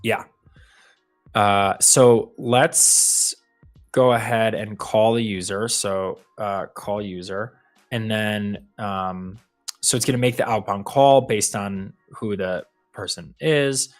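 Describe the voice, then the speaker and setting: Deep-voiced guy on a dev stream, laid back, muttering thru his build step by step. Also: slow pace, faint music behind. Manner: thinks aloud while building, relaxed and meandering. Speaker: co-host building a coding demo. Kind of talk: casual live-stream walkthrough.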